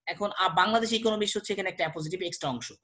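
A young man from Bangladesh teaching an exam-prep grammar lesson, slowing down whenever he reads an example aloud. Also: high voice, bright, forceful tone. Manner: brisk, slows down to read examples aloud. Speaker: English tutor.

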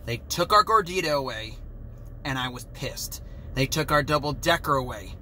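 A man's voice: mid-range voice, animated, moderate pace, pushed and bright, a little hiss or hum. A man vlogging an angry, heated rant, talking in an exasperated way.

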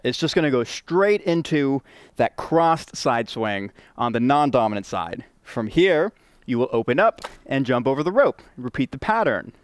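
A young man coaching jump rope rhythms, upbeat and playful, counting beats out loud as he demonstrates. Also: mid-range voice, no echo. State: out of breath at times. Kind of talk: instructional video demo.

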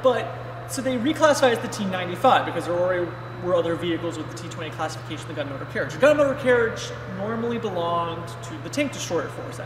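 A man in his thirties, a museum curator, explaining with animated gestures in a large hangar. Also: sits high. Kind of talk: explanatory chat on camera. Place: large vehicle hangar indoors. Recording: echoey hangar, from far off, noisy.

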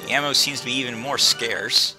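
A man's voice: mid-range voice, fairly even intonation, fairly quick, pushed and bright. A man giving casual commentary while playing a video game, with dry, rambling asides. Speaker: gameplay commentator. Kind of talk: casual let's-play commentary. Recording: game music behind the voice. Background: game music.

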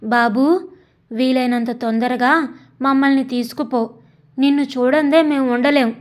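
A woman's voice: high voice, steady tone, measured pace. Woman voicing a bitter, scolding old mother. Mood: sad, pleading. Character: older mother, proud and easily wounded.

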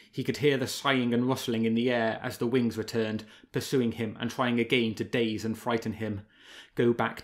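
A man reading a fable aloud as an audiobook narrator, measured and expressive. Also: on the low side. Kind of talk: scripted storybook narration.

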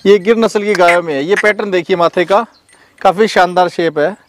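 A man's voice: high-pitched, fairly even intonation, brisk, a little hiss or hum. A man hosting a farm video outdoors, asking questions and repeating the answers for viewers. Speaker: host.

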